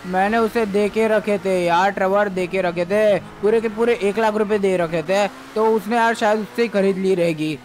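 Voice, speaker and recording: An anxious young man, played by a man rambling with worry in a game role-play. His voice sits fairly high for a man, over a faint hiss of noise. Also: steady tone, normal speed, hardly any pauses, natural voice. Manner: worried, rambling.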